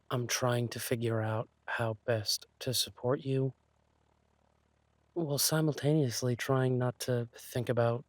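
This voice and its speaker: A man playing an insecure, lovesick thief boyfriend in a romantic audio role-play, speaking haltingly and tenderly. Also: medium pitch, no room sound, close to an everyday voice. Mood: troubled, tender. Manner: hesitant, halting, sighing delivery.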